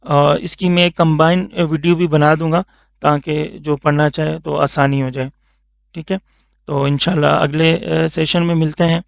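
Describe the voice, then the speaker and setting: A man's voice: on the high side, little pitch movement, vocal fry, no room sound, studio quality. A man teaching a lesson, reading out letters one by one and explaining patiently, often checking that the learner follows. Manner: patient, repeats "theek hai?" to check understanding.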